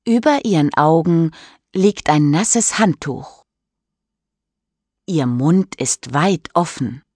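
A woman reading a children's story aloud in a clear, careful way, lifting her voice for the characters' lines. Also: deep voice, animated, slow pace, a little mellow, no room sound. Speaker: audiobook reader. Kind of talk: scripted storybook narration.

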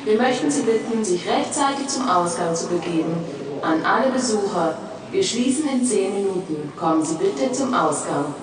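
A woman's voice: medium pitch, animated, moderate pace, natural voice. A woman playing a polite, formal museum announcer giving a public address to visitors. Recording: very echoey, distant, noisy ambience.

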